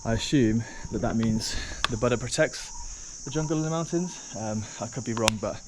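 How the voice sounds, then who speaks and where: A man's voice: medium pitch, normal speed. A man narrating his travel vlog outdoors in a chatty, rambling way, full of ums, into a handheld camera. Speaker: travel vlogger. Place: outdoors on a rock trail. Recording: outdoor noise with insects and crickets.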